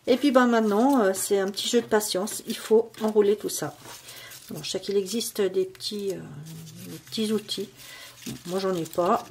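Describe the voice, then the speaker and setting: A woman's voice: medium pitch, darkish tone, slight background noise. A woman chatting casually at home while showing a craft, hesitant and full of fillers and restarts. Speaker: crafting vlogger. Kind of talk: casual vlog chat, crafting tutorial.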